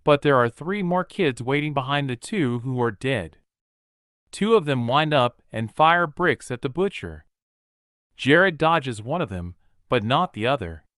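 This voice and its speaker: An audiobook narrator reads a horror novel in vivid, present-tense storytelling, close to a studio mic. His medium-pitched voice is expressive, unhurried and a bit bright, with a dry recording.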